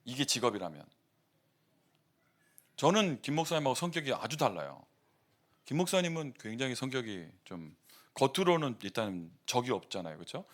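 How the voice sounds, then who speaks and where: Lively animated male pastor preaching. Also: mid-range voice. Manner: animated, storytelling with laughs and asides; quick-tempered. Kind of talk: sermon.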